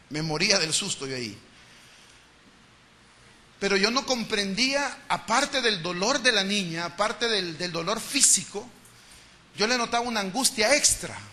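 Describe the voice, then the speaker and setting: A man preaching a sermon in a church, lively and storytelling, acting out family conversations. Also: high-pitched. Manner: lively, acts out family dialogues, laughs at his own stories. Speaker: pastor.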